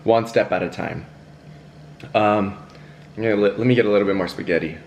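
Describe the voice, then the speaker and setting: A man's voice: fairly low pitch, fairly quick, a little hiss or hum. A young man talking casually to the camera while eating, rambling and laughing between bites. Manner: chatty and rambling, with fillers, laughs and self-talk. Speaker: YouTuber hosting a mukbang.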